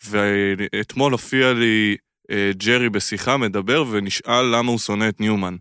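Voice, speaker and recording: A man on a podcast panel in casual chat, telling things in a halting, hesitant way. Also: lowish voice, fairly even intonation, fairly bright tone, smooth, no echo, clean studio sound.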